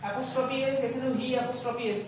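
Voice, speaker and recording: A woman with a Bengali accent teaching an English grammar lesson, switching between Bengali and English, slowing down to stretch each English example word and asking whether the class has understood. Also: sits high, little pitch movement, darkish tone, slight background noise. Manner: asks checking questions like "okay?" and "is that clear?". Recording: echoey room, voice far from the mic.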